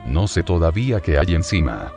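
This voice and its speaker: A man with a low voice narrates a visionary account in the first person, slow and deliberate. He lingers over each detail in a measured way. Soft music plays faintly behind him. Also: very animated, vocal fry.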